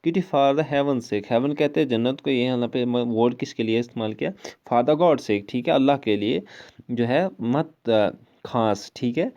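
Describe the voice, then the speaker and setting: Kashmiri guy teaching a prose lesson, warm low-key voice, reads lines slow then explains, keeps asking ok?. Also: highs cut off. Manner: reads English lines slowly, then explains with frequent "ठीक है?". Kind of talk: explaining an English prose lesson in Hindi-Urdu.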